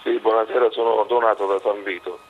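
Male caller, voice giving out, hoarse and raspy, low pitch, halting, opinionated football talk, dull phone sound. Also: flat delivery. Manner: halting, repeats himself. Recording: muffled, band-limited phone line.

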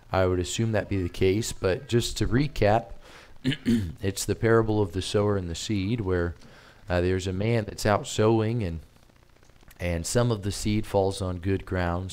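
A man preaching a sermon as a visiting missionary, in a plain conversational way, halting often with fillers and restarts, his voice a little strained. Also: low voice, darkish tone, clean tone. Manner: hesitant, many fillers and restarts.

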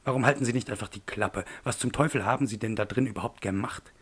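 A man's voice: lowish voice, fast, a bit bright, slightly rough. A man voicing a menacing, sadistic man who gives curt, coarse orders in an audiobook. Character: menacing middle-aged man with a sadistic streak.

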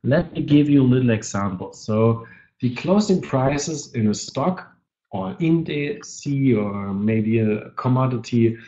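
A man with a cold leads a trading webinar in English, which is not his first language, and he often halts to search for words. His voice sits in a middle pitch. The audio sounds dull and lo-fi, like webinar software. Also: animated, takes it slowly. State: has a cold. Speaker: webinar presenter.

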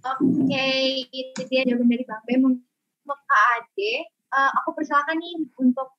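A high-pitched woman hosts a workshop over a video call. She sounds friendly and chatty as she reads out the questions, and the audio is dull and lo-fi. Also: unhurried, a little hiss or hum. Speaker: workshop moderator. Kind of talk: moderating, reading questions.

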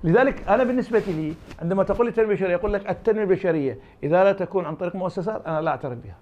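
A man's voice: high voice, very fast, darkish tone, highs cut off. A man from Iraq with an Iraqi Arabic accent, giving interview answers as an academic guest, arguing his point through imagined back-and-forth dialogues. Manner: argumentative, uses imagined dialogues.

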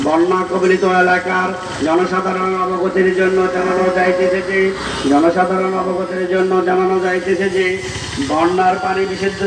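A high-pitched man with a Bangladeshi accent reads a formal public announcement over a PA system. His delivery is very monotone. The sound echoes from a distance. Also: background noise. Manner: amplified announcing over a PA loudspeaker. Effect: PA loudspeaker.

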